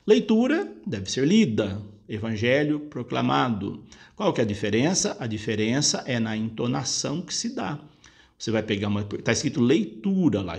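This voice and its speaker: A priest talks through listeners' questions one by one, calm and explanatory. His voice sits at an ordinary male pitch with a gravelly, creaky edge. He restates each point so it is easy to follow. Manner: explanatory, patient, repeats points for clarity. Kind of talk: casual spoken Q&A lesson.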